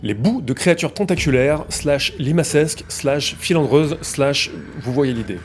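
A man's voice: a little high, expressive, a little slow, faint music behind. A man hosting a video essay, narrating in a wry, conversational way with playful emphasis.

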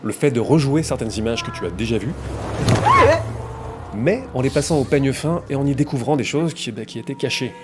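A man's voice: mid-range voice, brisk. A man hosting a video essay, narrating in a wry, conversational way with playful emphasis.

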